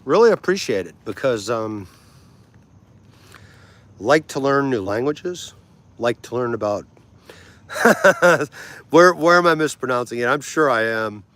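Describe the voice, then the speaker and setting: Chatting with his viewers on a casual livestream, a man in his forties laughs easily and slowly attempts foreign words. He speaks at a medium pitch with lively intonation and a fairly bright tone, with no room sound.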